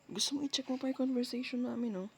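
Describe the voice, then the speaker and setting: A young Filipino woman in a whispered role-play, gently coaxing and reassuring as a caring girlfriend. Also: high-pitched, fast, vocal fry, slightly rough. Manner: soft, coaxing, tender, mixing English into Tagalog. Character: soft, reassuring girlfriend comforting a partner. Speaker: ASMR roleplay performer.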